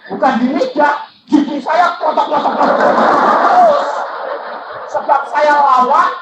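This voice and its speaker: An older man preaching a sermon full of stories, swinging from low asides to high shouted quotes. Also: big pitch swings, slow, heavy background noise. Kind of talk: sermon with anecdotes. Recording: dull, echoey hall recording from far off.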